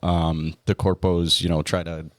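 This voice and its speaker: Man, lowish voice, casual podcast chat, agreeable, chimes in. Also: level tone, measured pace. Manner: agreeable, keeps chiming in with yeahs. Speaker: podcast co-host.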